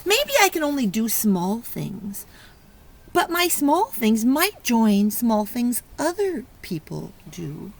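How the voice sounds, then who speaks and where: A woman teacher reading a picture book aloud to young children, stopping to ask questions and encourage them in an expressive way. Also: on the high side, slow pace. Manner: encouraging, praising child listeners; expressive, exclaiming and prompting. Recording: clear background noise.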